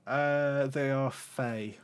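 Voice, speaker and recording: Slow-paced male game master. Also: mid-range voice, steady tone, a crowd in the background. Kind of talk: casual tabletop game narration.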